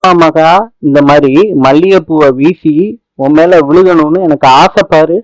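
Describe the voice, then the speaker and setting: A man's voice: a little high, steady tone, a little slow, no room sound, close to an everyday voice, rough recording. A man voicing a flustered young husband who keeps defending himself. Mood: exasperated. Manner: defensive, exasperated.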